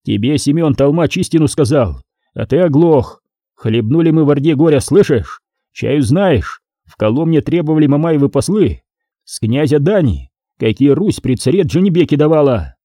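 A man's voice: a little high, expressive, normal speed, dark tone, no room sound, clean studio sound. A man voicing a stubborn, grim medieval envoy back from the Horde. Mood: grave. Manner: stubborn, grave.

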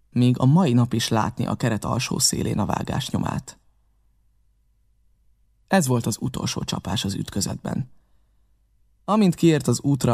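A man reading a novel aloud in steady, measured narration. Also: mid-range voice, gravelly. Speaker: audiobook reader.

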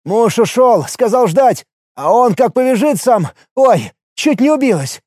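A man reading an audiobook, voicing a man who fakes a shrill, frantic, panicking woman. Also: very animated, a little slow, a little mellow, no room sound, clean studio sound, exaggerated voice. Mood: flustered. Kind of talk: audiobook character voice.

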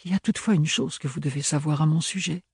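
Male reader doing a hushed, higher-pitched young woman in an audiobook, timid and guilt-ridden, husky edge. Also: fast talker, no echo. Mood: hushed, anxious. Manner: soft, hushed, hesitant.

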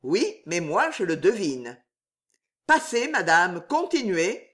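A woman's voice: lowish voice, very animated, slow, a bit bright, exaggerated voice. A woman reading an audiobook, voicing a terse, possessive king. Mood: commanding. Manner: terse, commanding. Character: adult male king, curt and possessive.

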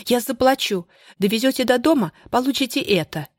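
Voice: mid-range voice, animated, a little fast, no room sound, clean studio sound, pitched above the performer's own voice, lightly acted. A narrator voicing a frightened young woman who has fled an attacker, calling out breathlessly and pleading. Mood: urgent.

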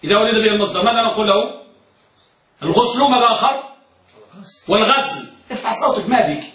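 A man's voice: sits high, animated, fast talker, pushed and bright. A man teaching a class, quizzing students with repeated questions and urging them to speak up. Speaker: teacher of hadith. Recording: echoey room, voice from far off.

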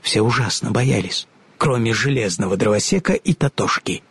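A man reads a storybook aloud with an expressive, lively melody. His voice is breathy and recorded dry and close. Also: medium pitch, moderate pace, no room sound. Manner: expressive reading. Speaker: narrator. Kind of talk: storybook narration.

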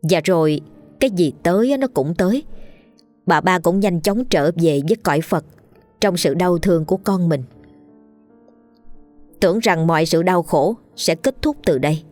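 A woman narrating a scripted ghost story with steady, dramatic storytelling. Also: fairly low pitch, no room sound.

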